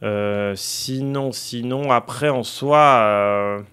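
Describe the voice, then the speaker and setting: A man's voice: medium pitch, very slow, a bit bright, clear, resonant tone. A young man casually commenting on a football career game, thinking aloud with many fillers and addressing viewers directly. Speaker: gaming streamer.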